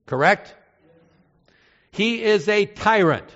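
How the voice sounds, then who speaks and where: Older male preacher, storytelling sermon, punchy emphasis then hushed asides; a touch high, echoing hall. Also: expressive, slow. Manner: storytelling, swings between loud emphasis and hushed low lines. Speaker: pastor. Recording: dull sound in a reverberant hall.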